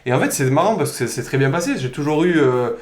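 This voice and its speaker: A man's voice: on the high side, quick pace. Provençal man telling stories in a roomy echo. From Provence, southern France. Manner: animated storyteller, informal and slangy. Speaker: podcast guest. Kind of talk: casual podcast conversation.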